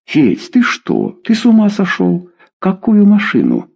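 A male reader voicing an exasperated middle-aged wife who scolds her husband in a high, shrill voice. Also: wildly swooping pitch, unhurried, warm tone, husky, highs cut off, full character voice.

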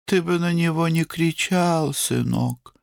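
A man voicing an anxious elderly mother who laments in a high, pleading voice. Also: takes it slowly, creaky, dry recording, studio quality. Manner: plaintive, lamenting. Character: fretful elderly mother, woman.

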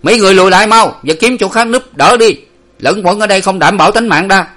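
A man reading a storybook aloud, playing a gruff, impatient male guard hidden in the forest who barks orders. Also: sits high, fast, pitched above the performer's own voice. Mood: barking. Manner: shouting, barking orders.

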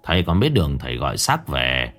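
A man voicing an old ritual master who questions slowly and deliberately, calm and stern. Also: very deep voice, faint music behind, voice pushed down, exaggerated voice. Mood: grave calm.

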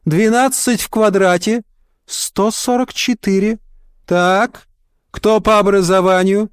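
A man voicing a brash, crude woman boss with a low chesty voice, firing blunt, mocking questions at an applicant. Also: fairly even intonation, slow, clear, resonant tone, no room sound, clean studio sound.

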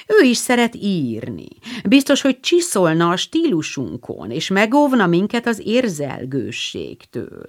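Egy nő egy kamaszlányt szólaltat meg, aki komolyan és meggyőzően érvel egy klubgyűlésen. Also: female voice, fairly low pitch, huge pitch swings, hardly any pauses, full character voice. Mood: earnest. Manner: solemn, persuasive. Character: earnest teenage girl giving a club speech.

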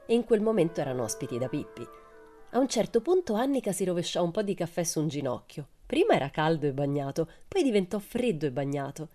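A woman reading a children's storybook aloud with an expressive, warm manner. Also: deep voice. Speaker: audiobook reader. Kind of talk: storybook narration.

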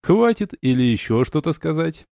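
A man's voice: on the high side, very animated, normal speed, creaky, mellow, no echo, voice pushed up. A man reading as a dry, wry male companion. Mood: dryly mocking. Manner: dry, matter-of-fact listing.

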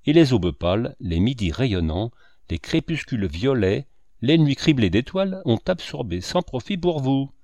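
Sardonic lecturing cynic from an audiobook, lively swooping delivery, dry close sound, read by a man. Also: medium pitch, moderate pace, no room sound. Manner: declamatory, sweeping and sardonic. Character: lecturing older male cynic, sardonic talker.

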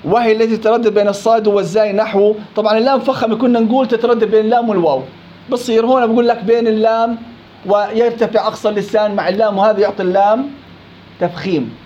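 A man's voice: high-pitched, steady tone, darkish tone. A man teaches Quran recitation, drawing out sample words and firing questions at his students. The recording is dull and lo-fi, with a faint hiss underneath. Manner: demonstrates words slowly, repeating them and asking the class questions. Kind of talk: tajweed lesson. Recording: dull lo-fi with faint background noise.

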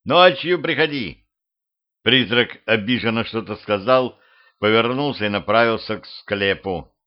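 A man reading a humorous first-person audiobook in a dry, deadpan manner. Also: on the low side, normal speed, clear, resonant tone. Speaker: audiobook narrator. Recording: muffled lo-fi home recording.

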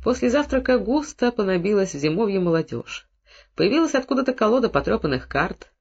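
A man narrating a novel in a measured, descriptive audiobook reading. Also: high voice, very animated, gravelly, slightly rough, lo-fi sound. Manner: measured, descriptive, plays every character.

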